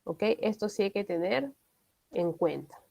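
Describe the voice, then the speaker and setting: A woman's voice: mid-range voice, lively intonation, unhurried, gravelly, warm tone. A woman, teaching an online English class. She explains step by step and often checks in with her students.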